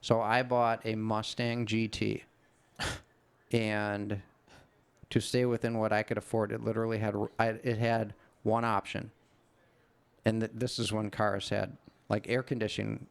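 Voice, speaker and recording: A man's voice: lowish voice, level tone, unhurried, gravelly, smooth. A middle-aged man casually telling a long, rambling anecdote on a podcast, swearing freely. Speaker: podcast co-host. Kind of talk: casual storytelling chat.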